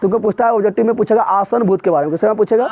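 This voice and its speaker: A man teaching a grammar revision lesson in a classroom, drilling his students with quick repeated questions. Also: high voice, mellow.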